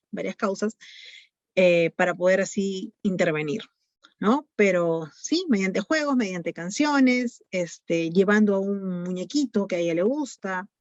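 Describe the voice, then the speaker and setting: A woman's voice: mid-range voice, no room sound. A woman psychologist with a Peruvian Spanish accent, explaining things to parents in an online talk, with lots of fillers. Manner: explanatory, many fillers like "eh" and "este". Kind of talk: online talk answering questions. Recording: dull lo-fi dry sound.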